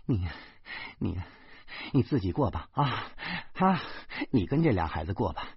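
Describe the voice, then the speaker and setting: Shrill, scolding wife bursting out in stammering outbursts, as a male audiobook reader puts her on, her pitch leaping wildly from low mutters to high cries. The voice sounds slightly husky, and the dull, dry recording is lo-fi with no room sound. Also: sing-song, unhurried, dry recording, exaggerated voice. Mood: furious. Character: furious nagging wife, middle-aged woman.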